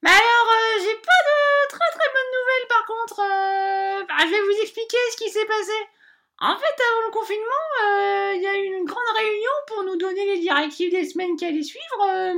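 A woman's voice: very high-pitched, a bit bright. An actress playing a hapless, scatterbrained female bank adviser in a comic monologue, rambling and hesitant with constant filler sounds.

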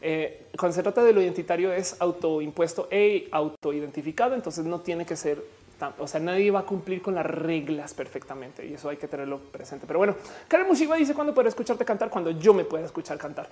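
Mellow, low-voiced Mexican woman streamer. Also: a little fast. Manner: chatty, explanatory, reads viewer messages aloud. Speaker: live-stream host answering chat. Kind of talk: casual chat.

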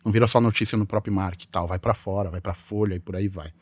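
A man's voice: low-pitched, steady tone, fast, no room sound, clean studio sound. A man with a Brazilian accent hosting a casual podcast in an informal, chatty way. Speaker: podcast host, journalist.

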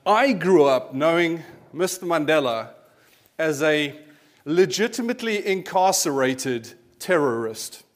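A South African pastor in his forties delivers a conversational sermon full of personal stories and self-deprecating asides. His voice is on the high side.

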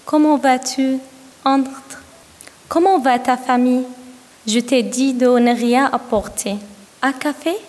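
Woman from Syria, Arabic native, reads slowly, bright higher voice, reverb of a hall. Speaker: author reading her poem. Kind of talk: poetry and prose reading. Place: museum event space.

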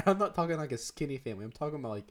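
A teenage boy co-hosting a podcast, telling rambling stories with lots of laughs and "dude". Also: a little high. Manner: rambling, laughs often, says dude a lot. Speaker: podcast co-host. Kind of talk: casual chat.

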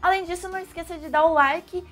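A young Brazilian woman with a Brazilian Portuguese accent, an English teacher giving a lively, animated video lesson. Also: extremely high pitch, fast, faint music behind.

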